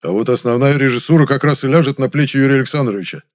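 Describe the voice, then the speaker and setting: A man voicing a loud, bossy older male film official in an audiobook, scolding and booming. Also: rapid-fire, natural voice. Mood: persuasive.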